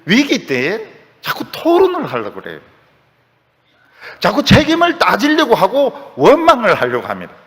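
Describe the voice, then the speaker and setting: A man's voice: sits high, huge pitch swings, normal speed, fairly bright tone, big-room sound. A man preaching a sermon as pastor, emphatic, with rhetorical questions and acted-out quotes. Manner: acts out quoted voices. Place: church sanctuary.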